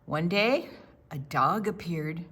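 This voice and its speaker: An older woman with a lowish, husky voice reads aloud for young children. Her reading is deliberate and expressive, and she stops now and then to chat with her listeners and ask them questions.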